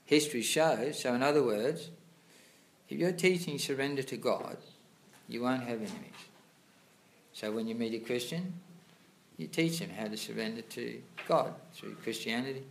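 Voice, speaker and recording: A man's voice: medium pitch, normal speed, long pauses, low-quality recording. Man teaching scripture over background noise. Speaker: religious teacher giving a scripture class. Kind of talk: reading scripture aloud with explanatory commentary. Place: room with a small class of listeners. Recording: clear background noise, room ambience.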